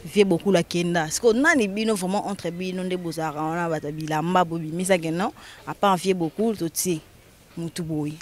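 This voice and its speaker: A man interviewing a guest in a casual tone, trailing off quietly at the ends of his questions. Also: sits high, steady tone, normal speed.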